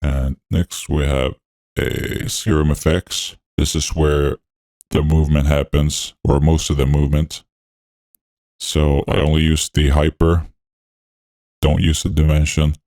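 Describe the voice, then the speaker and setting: A man talking through a voice changer that deepens his voice. He hosts a music production tutorial, narrating each step in a laid-back, technical way with frequent fillers. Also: little pitch movement, unhurried, creaky, a little mellow, no echo, clean studio sound. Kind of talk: walkthrough narration over a screen recording.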